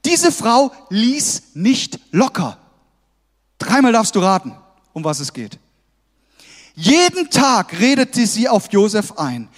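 A man delivers a sermon in a strikingly high voice, pressing his points with emphatic calls to the congregation. His words ring out with a long reverb from a large hall. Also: very animated, slow, long pauses. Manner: emphatic, exhorting, with frequent "hey" calls to the congregation. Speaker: pastor.

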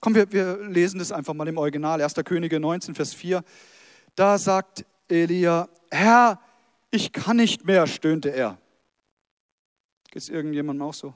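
A man's voice: a little high, moderate pace, a little mellow, dry recording, studio quality. A pastor preaching a sermon, talking to his congregation in a conversational way with light humour.

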